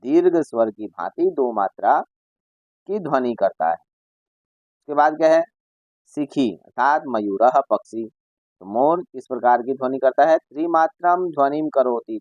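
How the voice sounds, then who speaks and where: A man teaching a Sanskrit school lesson at a slow, unhurried pace, talking straight to the children. He reads each Sanskrit line aloud, then explains it in Hindi. The sound is dry and a little dull, close to the mic. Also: medium pitch, darkish tone, no room sound. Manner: addresses children directly and imitates bird calls.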